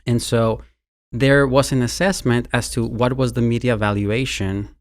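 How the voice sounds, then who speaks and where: Speaking at normal speed in a steady, mid-range voice, a man with a Mexican Spanish accent talks as a guest in a conversational interview. He comes from Mexico, works as a university marketing executive, and tends to repeat words as he begins a sentence.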